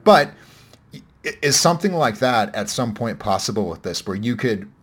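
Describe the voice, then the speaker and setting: A man's voice: mid-range voice, expressive, moderate pace, breathy edge. A man hosting a casual podcast discussion, talking in a rambling, self-correcting, wry way. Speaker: podcast host.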